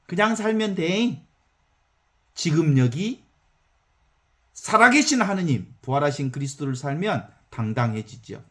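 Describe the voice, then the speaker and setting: Animated Jeolla priest preaching. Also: male voice, a little high. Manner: animated, folksy, asks the audience for assent. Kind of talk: sermon.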